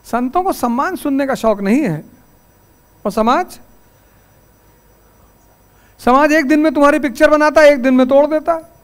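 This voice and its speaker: A man's voice: very high-pitched, normal speed, long pauses. A man teaches a class, spinning everyday stories as he goes. He turns firm and strict when he lays down his rules for the room. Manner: storytelling, lively and anecdotal; stern about class rules.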